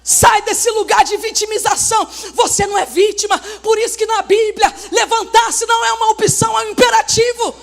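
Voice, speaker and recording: A woman pastor preaching an emphatic sermon at a conference, often shouting and acting out whiny laments. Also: very high-pitched, steady tone, brisk, gravelly, hardly any pauses, soft background music.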